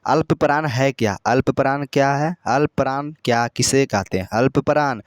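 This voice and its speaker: A man's voice: medium pitch, moderate pace, no echo. Coaxing male grammar teacher. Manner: repetitive call-and-response questioning; coaxing students with pet names. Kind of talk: grammar lesson lecture.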